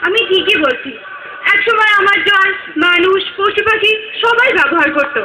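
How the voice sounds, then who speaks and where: A woman voicing a grieving female nature spirit that speaks as a river and a tree, lamenting and preaching in rhyming verse. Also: very high-pitched. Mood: mournful. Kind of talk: stage play acting. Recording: roomy echoey hall.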